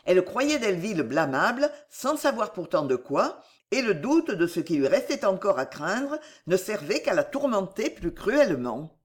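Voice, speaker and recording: A woman narrating a classic novel in a measured, expressive audiobook reading. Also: medium pitch, husky.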